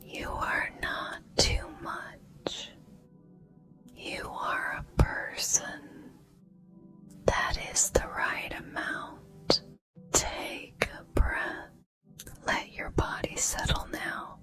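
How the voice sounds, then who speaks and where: A woman gives a whispered ASMR pep talk of affirmations in a soft, breathy, deliberate and reassuring way, with pauses between phrases. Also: faint music behind.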